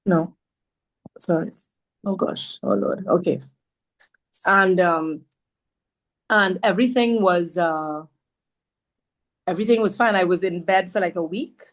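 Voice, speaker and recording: Earnest woman telling her story. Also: fairly low pitch. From Trinidad and Tobago. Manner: earnest, often acts out others' words in her retelling; halting, with fillers and restarts. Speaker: podcast guest. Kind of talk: conversational personal storytelling.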